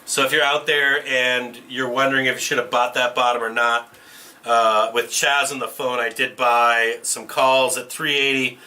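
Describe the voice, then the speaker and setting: A man talking bluntly on a livestream, his voice thin and tinny as if from inside a tin can. The camera mic sits a little away from him, giving a sharp, distant edge. He swears freely and keeps restarting his sentences. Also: mid-range voice, level tone, moderate pace. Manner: profane, blunt, restarts often. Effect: tinny tin-can sound from a camera mic. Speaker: livestream trading host. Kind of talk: casual livestream chat.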